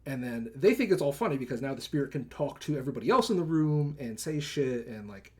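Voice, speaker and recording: A man's voice: medium pitch, expressive, fast talker, breathy edge. A man co-hosting a live movie podcast, recapping plots in rambling casual chat full of "like" and "right?", acting out characters' lines. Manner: rambling, filler-heavy, lots of "like" and "right?"; acts out characters' lines in quotes. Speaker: podcast co-host.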